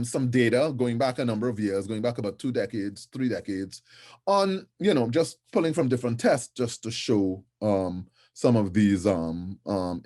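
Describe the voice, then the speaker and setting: In a warm, mid-range voice, a middle-aged man from Trinidad and Tobago gives a chatty conference lecture, repeatedly asking "right?" and using "um" to fill his pauses.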